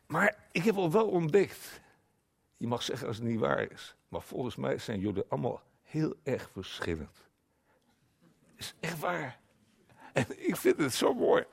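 Middle-aged male preacher, rises to loud declaiming, drops to slow hushed emphasis, gravelly edge. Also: mid-range voice. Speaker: guest preacher. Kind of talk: sermon.

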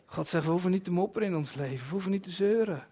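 A man preaching a sermon in a personal, confessional way, dropping to soft asides at times. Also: high voice, expressive, very fast, husky.

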